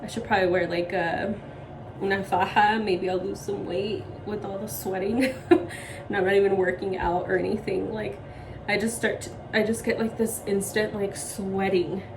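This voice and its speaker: Sick at home, a young woman vlogs to camera, short of breath and nursing a sore throat as she rambles casually, filling her speech with "like" and "um." Her voice is medium-pitched with little variation and a moderate pace. The mic sits at a distance and the background is noisy.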